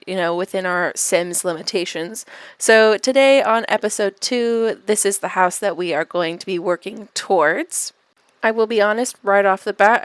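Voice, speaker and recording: A woman's voice: medium pitch, smooth, no room sound. A woman talking casually over her game build as a YouTube vlogger, chatty with lots of fillers and restarts, and a dry, self-mocking humor. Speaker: gaming YouTuber.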